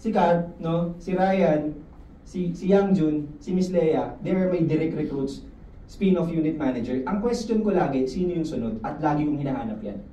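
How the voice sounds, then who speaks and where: A man giving a lively, joking motivational talk to his insurance sales team, often asking the room questions. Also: fairly high pitch, moderate pace, muffled recording. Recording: echoey room, mic at a distance, faint noise.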